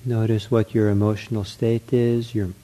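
In a lowish voice with little pitch movement, a man leads a guided mindfulness meditation. He speaks gently in short, unhurried phrases, with the accepting, reassuring manner of a counselor.

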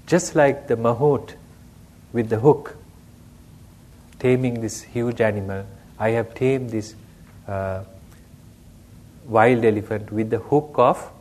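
A male meditation teacher gives an unhurried dharma talk, his voice sitting at an ordinary middle pitch. He keeps it conversational and often turns to his listeners with a question. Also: a little mellow.

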